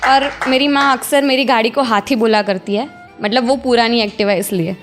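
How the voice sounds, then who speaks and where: A young woman reciting her own spoken word poetry, slow and measured, repeating her refrains. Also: fairly high pitch, steady tone, faint music behind. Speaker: poet.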